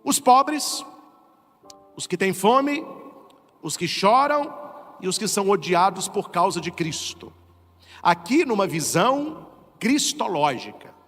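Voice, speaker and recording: Lively high-voiced Brazilian priest preaching. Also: male voice, slow pace, long pauses, in a large hall, soft background music. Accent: Brazilian Portuguese. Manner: animated preaching with rhetorical questions. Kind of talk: sermon.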